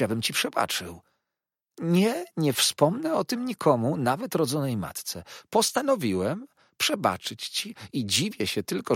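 Man putting on a high oily fawning clerk. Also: creaky, breathy edge, no room sound, clean studio sound, exaggerated voice. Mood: hissing. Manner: soft, slow, wheedling. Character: sly fawning young male clerk, falsely humble.

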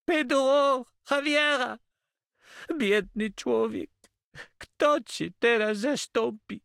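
A man voicing an emotional Catalan sailor who cries out in a high, strained, drawn-out voice. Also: vocal fry, a bit bright, no room sound, studio quality, exaggerated voice. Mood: grieving, shouting.

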